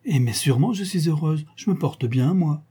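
A man's voice: fairly high pitch, expressive, normal speed, mellow, slightly rough, voice pushed up. A man reading an audiobook, voicing a naive, chatty young girl who talks with artless earnestness. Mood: innocent, earnest.

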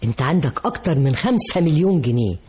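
A woman's voice: low voice, big pitch swings, racing, mellow. An actress with an Egyptian accent playing a domineering wealthy older businesswoman and mother in a radio drama, speaking in a commanding way. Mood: stern. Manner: imperious, commanding.

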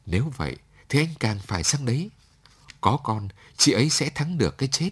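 A man's voice: mid-range voice, very animated, a little fast, husky, pitched above the performer's own voice. A man reading a story aloud, voicing a lonely young woman who pleads through tears and then turns firm.

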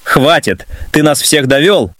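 A man's voice: fairly high pitch, expressive, measured pace, a bit bright, dry recording. Firm, commanding woman on a yacht, read by a male narrator, dry, close.

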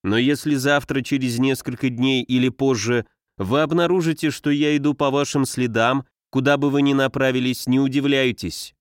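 A man's voice: medium pitch, fairly even intonation, moderate pace, hardly any pauses, smooth, no room sound, natural voice. Ardent young suitor in an audiobook, read by a man, dry close sound. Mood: insistent. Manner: passionate, insistent.

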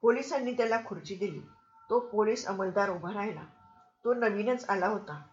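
A woman reading a story aloud as an audiobook narrator, in an expressive and measured way. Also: medium pitch. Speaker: audiobook reader. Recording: roomy, slightly dull recording.

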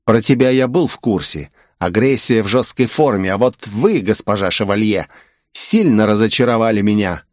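A man voicing a strict, cold male professor with a creaky, severe manner. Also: on the low side, lively intonation, moderate pace, darkish tone, no echo, studio quality, natural voice.

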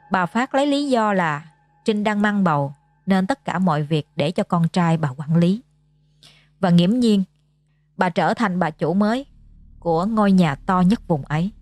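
A woman with a Southern Vietnamese accent narrating a ghost story in a steady, dramatic reading. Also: on the low side, normal speed. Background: soft background music.

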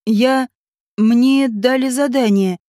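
A woman's voice: sits high, moderate pace, mellow, dry recording, studio quality, lightly acted. A woman voicing a flustered heavyset man who stammers and whines. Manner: stammering, whining.

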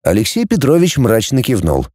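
Dark-voiced male audiobook narrator. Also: mid-range voice, moderate pace, breathy edge, no echo, clean studio sound. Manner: expressive storytelling.

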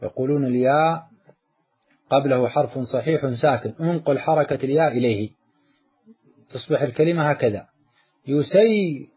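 A man teaching a morphology lesson, explaining step by step and slowly drawing out each example word. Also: medium pitch, husky, muffled recording.

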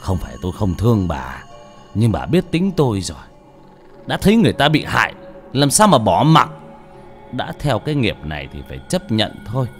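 A man voicing a resolute old exorcist who speaks in a grave, calm, resigned way, in an audiobook. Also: lowish voice, normal speed, soft background music.

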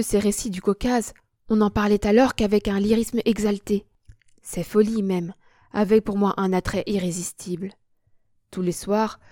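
Lady reading a classic story aloud, measured and expressive, warm mellow voice, dry close sound. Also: medium pitch, dry recording. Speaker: audiobook reader. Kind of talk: literary audiobook narration.

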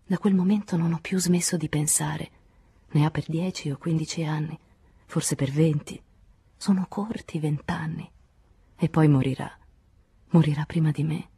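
A woman reading a literary novel aloud as an audiobook, quiet and intimate, often sinking to a whisper. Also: deep voice, fairly even intonation, moderate pace, slightly rough. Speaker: audiobook reader.

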